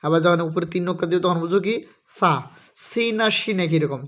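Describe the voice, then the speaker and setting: A man teaching the Arabic alphabet as a lesson, slowly reciting and repeating each letter name and addressing his viewers as brothers. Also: high voice, fairly bright tone. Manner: slow, drawn-out recitation of letters with repetition.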